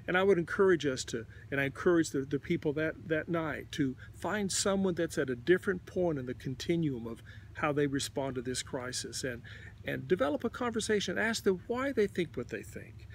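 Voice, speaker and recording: A man's voice: fairly high pitch, expressive, fairly quick, gravelly, slight background noise. A man in his sixties giving an earnest, exhorting pastoral address to churches outdoors in a garden, filmed close to the camera, with some restarts. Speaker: denominational leader. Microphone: camera close in front, head and shoulders.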